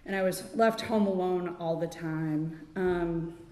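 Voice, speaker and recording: A woman from Connecticut giving her personal recovery story at a meeting, halting and full of fillers, with small laughs. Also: lowish voice, a little mellow. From Connecticut, USA. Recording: echoey hall with long reverb.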